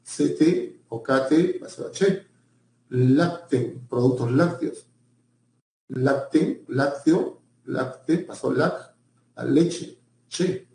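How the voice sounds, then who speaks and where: Guy lecturing a class, mellow voice, keeps asking if everyone's following, echoey room. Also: medium pitch, drawn-out words, vocal fry. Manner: repetitive, checks in with students often. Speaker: teacher. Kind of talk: pre-university lecture.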